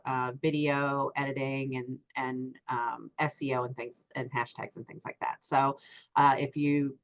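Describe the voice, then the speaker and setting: Low-voiced middle-aged woman hosting a group voice call. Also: fairly bright tone. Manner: halting, many ums and uhs. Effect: heard over an online group voice call. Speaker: class host. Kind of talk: introducing a speaker in an online class. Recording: dull lo-fi call audio.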